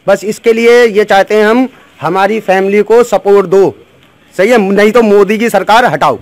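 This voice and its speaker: A man's voice: sits high, moderate pace, dry recording. A man giving an insistent, repetitive eyewitness account into a handheld microphone outdoors. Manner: insistent, repeats phrases. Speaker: eyewitness interviewee. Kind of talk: animated street eyewitness account. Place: outdoors in a narrow lane with onlookers. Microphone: reporter's handheld microphone.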